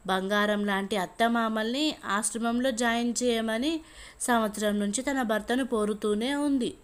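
A woman storyteller reading a family story aloud in a steady, even way. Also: a little high, moderate pace, clear, resonant tone. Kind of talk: scripted storybook narration.

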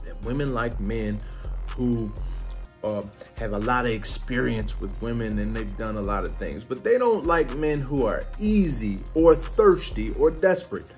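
Animated man mocking dating clips. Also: mid-range voice. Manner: animated, joking, slangy. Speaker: reaction video host.

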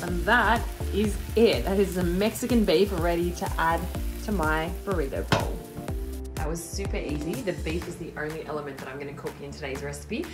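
A young woman with a lowish voice hosts a cooking vlog from her home kitchen, explaining a recipe to camera at a moderate pace. Her upbeat tutorial is friendly and instructive, with music clearly audible underneath.

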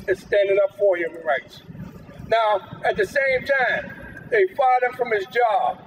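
An older man with a high voice tells a story with emphatic, folksy punch. He is picked up from well off the mic, outdoors, with faint street noise underneath. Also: recorded from a distance, rough recording. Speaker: guest speaker. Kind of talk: impassioned storytelling to a crowd. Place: outdoors at a public gathering.

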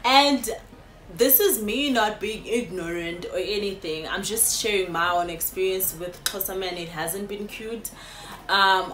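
A woman's voice: mid-range voice, echoey room. A South African woman in her late twenties, chatting casually to viewers in a Q&A vlog with lots of fillers, filmed on a phone on a sofa. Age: late 20s. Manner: chatty, warm-hearted address to viewers, frequent fillers. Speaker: YouTuber. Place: indoors on a sofa in a small room. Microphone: phone camera.

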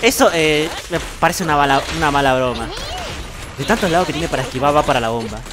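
A man with an Argentine accent giving excitable, boastful gameplay commentary at his computer, swearing casually. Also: fairly high pitch, quick pace, background noise. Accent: Argentine Spanish. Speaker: gaming streamer. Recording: loud game music behind voice.

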